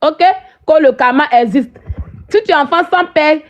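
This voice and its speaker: A woman's voice: high voice, moderate pace, dull audio. A woman hosting a live stream, ranting at her viewers in a combative, mocking way and often asking "hein?".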